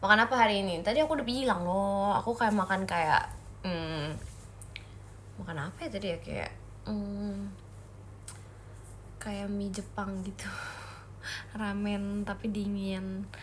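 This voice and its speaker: A woman's voice: mid-range voice, steady tone, measured pace, pauses often, fairly bright tone, slight background noise. A young woman from Indonesia chatting casually on a phone livestream, answering viewer comments in a playful, giggly way.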